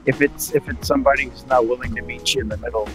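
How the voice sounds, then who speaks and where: A man's voice: mid-range voice, steady tone, fast, faint music behind. A man on an online call, sounding muffled and underwater because he talks from bed without a headset, hesitant and full of fillers. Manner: hesitant, many uh and um fillers, restarts. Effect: muffled, underwater-sounding audio. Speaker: panelist giving advice. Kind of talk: casual group chat. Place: in bed at home. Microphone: built-in mic, no headset.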